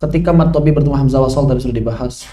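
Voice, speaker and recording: A man's voice: mid-range voice, rapid-fire, warm tone. A man teaching Quran recitation rules in an online lesson, asking questions and answering them himself.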